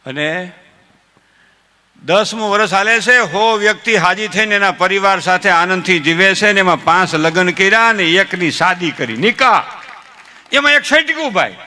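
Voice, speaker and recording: Saurashtra Gujarati folk comic, high, sharp voice, chuckling storyteller. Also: male voice, moderate pace. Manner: animated, laughs at own jokes, mimics family members. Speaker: folk comedian.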